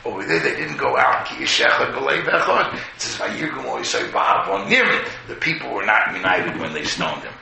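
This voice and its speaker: A man with a sharp, forceful voice delivers a rabbinic sermon in a very reverberant room. His pitch moves up and down in an animated way as he tells stories and poses questions, sprinkling in Hebrew terms. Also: normal speed, creaky, hardly any pauses. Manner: storytelling, rhetorical questions, voices imagined speakers, repeats phrases; mixes English with Hebrew and Yiddish terms. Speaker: rabbi giving a Torah talk. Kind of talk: sermon, Torah lecture. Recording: echoey room, faint noise.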